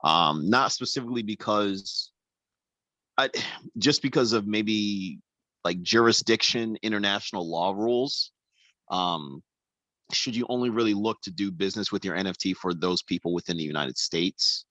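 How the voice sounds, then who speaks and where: A man with a very deep voice puts a question to his guest. He is halting and fills gaps with many ums and uhs. The sound is dry and close. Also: bright, forceful tone, no echo. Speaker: host asking questions. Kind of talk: conversational Q&A.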